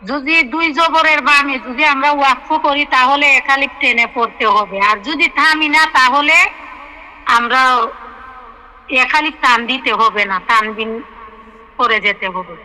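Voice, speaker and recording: A woman's voice: high voice, a little slow, bright, forceful tone, in a large hall, rough recording. A woman student who answers her teacher politely and recites the definitions she learned in class.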